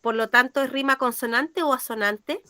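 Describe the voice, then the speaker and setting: A woman's voice: high voice, normal speed, sharp tone, no echo. A woman teaches a language lesson. She asks questions and checks that her pupils follow. Her voice sounds close and dry, with no room around it. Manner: patient, questioning, checks understanding.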